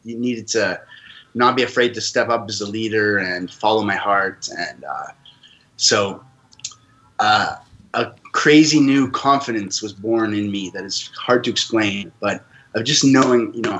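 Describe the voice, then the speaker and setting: A man from Canada speaks as a podcast guest. His voice is bright and forceful, a little low in pitch, and he tells his story in an earnest, reflective way. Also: a little slow, rough recording. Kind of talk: casual interview storytelling.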